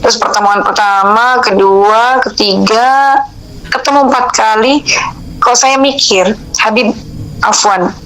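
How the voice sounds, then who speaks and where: A woman with a voice on the high side speaks at a measured pace, captured in a rough recording with slight hiss or hum. Middle-aged, from Indonesia, and 45 or older, this religious counsellor animatedly tells a personal story in an interview, informally acting out what was said.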